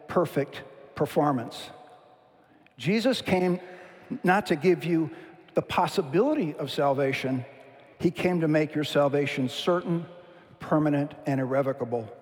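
A man's voice: fairly high pitch, a little mellow. Preaching man in an echoing sanctuary. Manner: measured preaching with slow emphatic phrase endings. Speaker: pastor. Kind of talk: sermon. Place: church sanctuary. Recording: long hall reverb.

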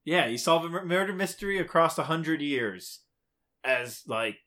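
A man's voice: on the high side, animated, moderate pace, pushed and bright. A man with a Great Lakes accent from Michigan, chatting casually as a podcast co-host.

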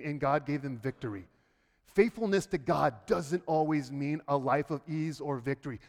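A man preaching a sermon as pastor, swinging between loud, high bursts and hushed low passages, often repeating words as he starts a thought. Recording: long hall reverb.

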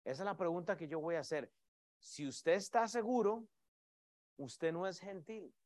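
A middle-aged man preaches from the pulpit in a high, ringing voice. His delivery is emphatic, rising and dropping sharply in loudness as he keeps calling out to his listeners as brothers. The sound is close and dry, with hardly any room around it. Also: normal speed, no room sound. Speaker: pastor. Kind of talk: sermon.

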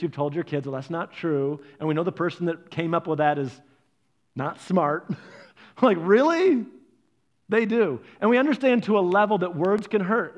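A man preaching a sermon, animated and conversational, acting out quoted voices. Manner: animated, acts out quoted voices with big pitch jumps. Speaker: pastor.

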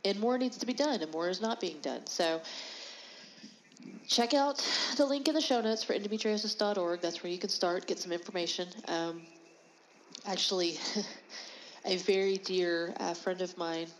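A woman's voice: on the low side, moderate pace, slight background noise, poor audio. A woman with a congested, stuffy nose, hosting a podcast solo in a frank, informal, conversational way. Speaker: podcast host. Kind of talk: casual solo podcast talk.

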